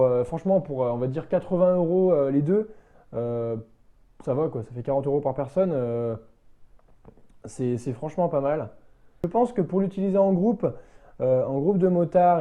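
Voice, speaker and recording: Mellow and on the high side, a man's voice carries a casual, unscripted motorbike-vlog product review. He hesitates and stops often, circling back to put things differently.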